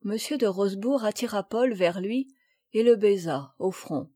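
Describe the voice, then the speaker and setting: A woman's voice: mid-range voice, moderate pace, dark tone, no echo, studio quality. Woman narrating a classic storybook. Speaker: audiobook reader.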